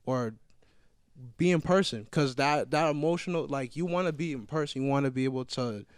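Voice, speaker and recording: A man's voice: mid-range voice, a little fast, clean tone, dry recording, clean studio sound. A man of twenty-seven telling a story in a casual group talk, swearing freely and acting out what people said. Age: 20s. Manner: profane, animated storytelling.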